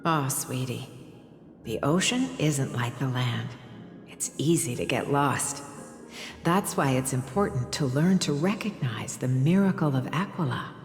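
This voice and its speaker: An actress playing a gentle, loving mother in a game, speaking softly and serenely. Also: a bass voice, animated, a little slow, full character voice. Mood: fond, soothing. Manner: soft, serene, tender, maidenly delivery. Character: gentle loving mother telling her young daughter a tale. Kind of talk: scripted game dialogue. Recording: long echoing reverb, music behind.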